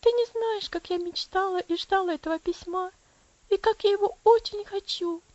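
Woman doing a high teary little girl begging her dad, dull dry recording. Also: moderate pace, a little mellow, no echo. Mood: pleading. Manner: high, pleading, tearful. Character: pleading tearful little girl Elsie.

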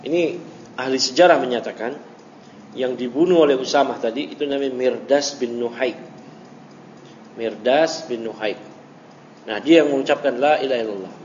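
A man's voice: mid-range voice, moderate pace, pauses often, darkish tone. Man teaching in an echoey hall. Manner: reads Arabic text then explains in casual speech, acts out quoted dialogue. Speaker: ustadz teaching a classical text. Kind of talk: religious study lecture. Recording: echoey hall, dull lo-fi audio, faint hiss.

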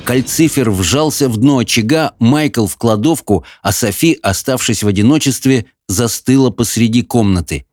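A man giving expressive, measured audiobook narration of a fantasy novel. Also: mid-range voice, no room sound.

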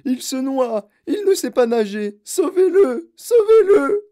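A narrator voicing a hysterical mother who shrieks in a shrill, loud voice. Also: sing-song, takes it slowly, exaggerated voice. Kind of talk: audiobook character voice.

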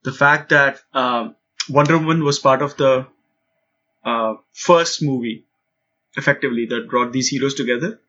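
A man's voice: mid-range voice, normal speed, pushed and bright, highs cut off. A man co-hosting a podcast, chatting casually in a hesitant, teasing way. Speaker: podcast co-host. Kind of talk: casual chat.

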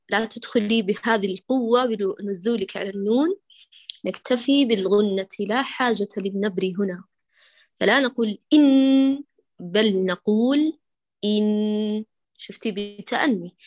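A woman teaching Quran recitation in an online class, correcting a student and demonstrating sounds slowly. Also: mid-range voice, no room sound.

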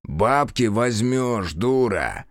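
A man voicing a mocking male spirit trapped in an amulet, with a raspy, cracked baritone and a sneering manner. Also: big pitch swings, extremely slow, dry recording, clean studio sound. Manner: sneering, taunting.

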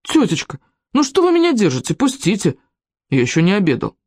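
A sly little schoolboy from a storybook, played by a reader whines and pleads in a raised, lively voice. The sound is close and dry. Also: medium pitch, fast talker, breathy edge, no room sound. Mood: pleading. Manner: whining, pleading. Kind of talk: audiobook character voice.

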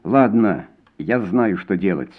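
A smooth-voiced baritone man coaxes gently, as the reader voices him. His pitch moves in a lively way. The sound is thin and phone-like. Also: normal speed, close to an everyday voice. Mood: decisive. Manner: soft, coaxing. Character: soft-spoken, smooth male baritone singer.

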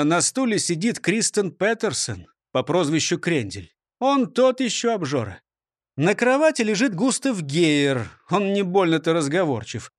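A man's voice: sits high, no room sound, clean studio sound. A man narrating a children's storybook, speaking directly to the listener. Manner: lively, talks to the listener.

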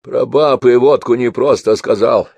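A man doing a gruff dying old man. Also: medium pitch, measured pace, a little mellow, dry recording, voice pushed up. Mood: grumbling. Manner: gruff, grumbling, short of breath. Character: dying foul-mouthed old man in his eighties.

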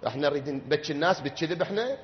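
A man with an Iraqi Arabic accent preaching a mourning sermon from the pulpit, moving between low quiet talk and loud, shouted, drawn-out lines. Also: lively intonation, slight background noise. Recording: dull sound, long hall reverb.

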